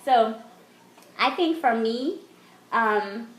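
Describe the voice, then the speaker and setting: A woman hosting a casual chat, talking in a measured, reflective way. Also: on the high side, animated. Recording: echoey room with faint noise.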